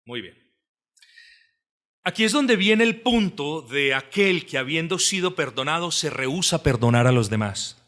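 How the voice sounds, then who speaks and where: A man's voice: fairly high pitch, expressive, normal speed, fairly bright tone. A man preaching an expository sermon, reading scripture with rising emphasis, repeating phrases and asking the congregation questions. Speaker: pastor.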